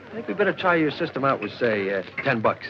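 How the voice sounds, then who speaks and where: An actor playing a bewildered, exasperated young bridegroom, protesting and incredulous in 1940s screwball comedy film banter. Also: male voice, mid-range voice, very animated, quick pace, lightly acted. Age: young adult. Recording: muffled, very noisy 1940s film soundtrack with chatter.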